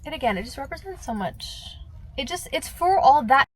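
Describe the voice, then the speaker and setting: A young woman vlogging in casual chat, ranting with lots of fillers and swearing, her voice swinging from low mutters to loud outbursts. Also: expressive, normal speed, low-quality recording. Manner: heavy filler use, frequent swearing.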